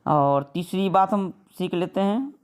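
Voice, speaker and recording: A woman teacher giving a grammar lesson. She drills lists of words, reads the rules out slowly word by word, and keeps checking with "clear?". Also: fairly low pitch, a little mellow. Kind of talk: grammar lesson, mixing Hindi and English.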